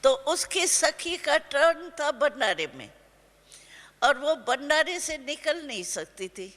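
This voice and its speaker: An older woman teaching a spiritual class, telling a story gently and slowly with homely everyday examples. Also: high voice, big pitch swings. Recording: long hall reverb.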